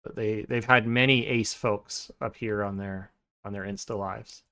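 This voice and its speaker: A man hosting a podcast in a relaxed, casual chat, pausing often with filler sounds and restarting sentences. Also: lowish voice, smooth. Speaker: podcast host.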